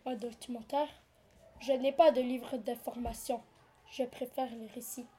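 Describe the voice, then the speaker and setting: A woman's voice: a little high, steady tone, measured pace, dark tone, slight background noise, close to an everyday voice. A woman voicing a wary, solitary old male gardener in a storybook reading, speaking in a guarded, reserved way.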